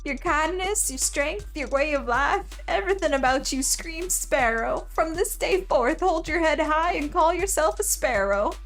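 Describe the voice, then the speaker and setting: A woman voicing a tough, proud delinquent gang-leader girl who is a bird, talking in a gruff, mentoring way. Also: high voice, lively intonation, measured pace, hardly any pauses, fairly bright tone, soft background music, voice pushed up, exaggerated voice.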